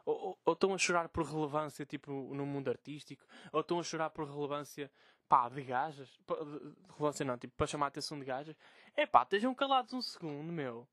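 A young man with a Portuguese accent rants animatedly on a solo podcast recorded in his bedroom. His voice sits high and races along, thick with swearing and mocking quotes. The sound is dry and close. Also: fast talker, a bit bright, no echo. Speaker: podcast host. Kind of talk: casual solo podcast rant.

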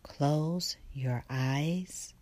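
A woman guiding a relaxation meditation in a soft, slow, partly whispered delivery. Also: deep voice. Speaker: meditation guide.

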